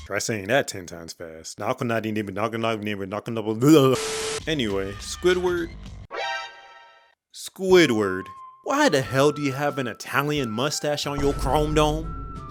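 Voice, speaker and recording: A man reviews cartoon episodes in a comic, slang-heavy rant. His voice swings widely in pitch as he jokes. Faint music plays under his talk. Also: fairly bright tone. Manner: slangy, joking, ranting. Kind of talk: comedic video commentary.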